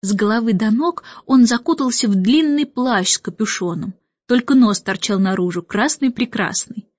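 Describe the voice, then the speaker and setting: A woman's voice: on the high side, normal speed, dry recording, muffled recording. Woman reading a storybook aloud. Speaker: audiobook reader. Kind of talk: storybook narration.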